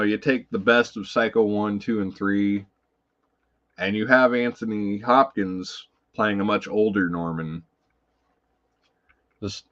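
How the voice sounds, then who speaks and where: A man's voice: lowish voice, fairly bright tone. Rambling, profane lo-fi livestream man. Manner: rambling and profane, full of fillers. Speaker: livestream host. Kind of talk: casual livestream chat about films.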